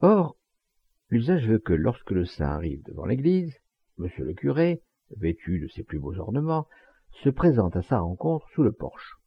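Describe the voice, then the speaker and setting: Guy reading an old novel aloud, husky rough voice, dull dry recording. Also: lowish voice, moderate pace, dry recording. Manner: expressive storytelling. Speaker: audiobook reader. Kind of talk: scripted narration.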